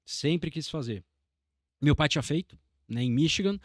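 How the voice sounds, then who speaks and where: A man's voice: on the high side, animated, moderate pace, no room sound, studio quality. A Brazilian man in his forties, a podcast guest telling long career stories in a reflective, meandering way, often restarting his sentences. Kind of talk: casual interview conversation.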